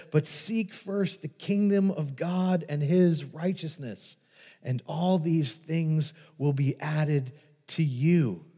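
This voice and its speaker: A pastor preaching a sermon, telling stories with lively restarts and repetitions. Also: male voice, fairly high pitch, husky. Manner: animated storytelling with repeated restarts. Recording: long reverb of a large hall.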